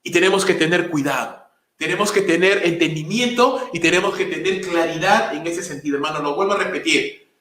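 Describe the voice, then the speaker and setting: A male pastor delivers a sermon in an emphatic preaching style, piling up lists. His voice sits high for a man. He is heard from some distance in a church that rings with heavy echo. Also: fairly quick, fairly bright tone. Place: church sanctuary. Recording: very echoey room, voice from a distance.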